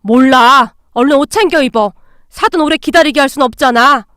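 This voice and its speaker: A woman's voice: sits high, normal speed, fairly bright tone, no echo, studio quality. A woman voicing a middle-aged husband who talks in short, hurrying orders. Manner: curt, hurrying.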